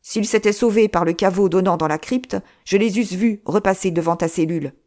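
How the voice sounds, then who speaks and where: Lady doing a sharp gascon swordsman, barks short questions, bossy and mocking. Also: medium pitch, a little fast, lightly acted. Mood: interrogating. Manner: curt, commanding questions.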